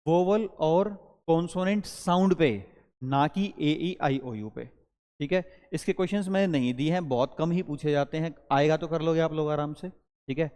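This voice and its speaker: Male teacher, fairly high voice, step-by-step grammar lesson, asks his students questions, long room reverb. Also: moderate pace, dark tone. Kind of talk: Hindi-English exam grammar lesson.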